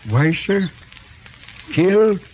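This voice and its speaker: Slow, proud, stoic western character, broken English. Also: male voice, sits high, expressive, full character voice. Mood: puzzled, flat. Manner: halting, clipped broken English. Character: proud, stoic Native man accused of murder. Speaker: actor. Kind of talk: old western drama acting. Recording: dull lo-fi old recording with faint noise.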